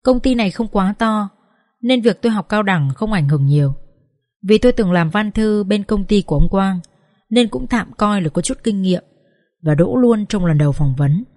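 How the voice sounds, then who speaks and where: Woman audiobook narrator, mid pitch, emotive first-person reading with acted pleas, dry booth sound. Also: normal speed, dry recording. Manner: expressive, acts out sobbing pleas. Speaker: audiobook reader.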